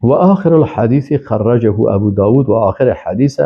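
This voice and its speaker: A man's voice: medium pitch, expressive, husky. A man teaching Islamic studies, reading Arabic phrases aloud and then explaining each one with emphatic rises. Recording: dull lo-fi recording.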